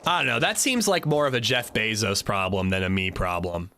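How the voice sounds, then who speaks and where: Streamer type: guy, bright, expressive delivery, light hiss behind. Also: fairly low pitch, fairly quick. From Pennsylvania, US. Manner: animated, profane, reacting to chat. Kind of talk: casual gaming livestream chat.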